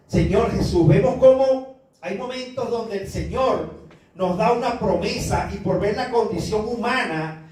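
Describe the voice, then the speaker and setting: A man's voice: high-pitched, a little mellow. A male pastor preaching a sermon and reading from the Bible, talking earnestly and asking his listeners "you know?" again and again. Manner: earnest, repeats "¿sabe?" to the congregation. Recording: very echoey room, voice far from the mic.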